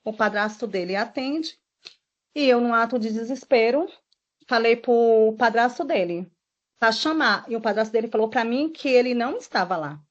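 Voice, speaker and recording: A woman giving a witness statement, retelling events in an emotional, rushed way with quoted dialogue. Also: a little high, expressive. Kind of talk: recounting events in a formal statement. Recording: dull lo-fi recording.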